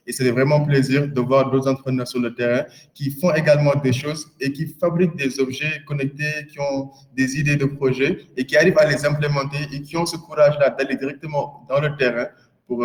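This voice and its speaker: A man's voice: mid-range voice, a little mellow. Echoey young man. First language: not French. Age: young adult. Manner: slips English words into French. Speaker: guest speaker, IoT consultant. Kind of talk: informal webinar closing remarks. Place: indoor webinar call. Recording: roomy, echoing sound.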